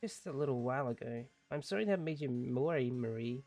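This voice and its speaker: A kind young prince, read aloud by a man playing the game. He is polite and gentle with his subjects, with faint game music underneath. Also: medium pitch, expressive, fast talker.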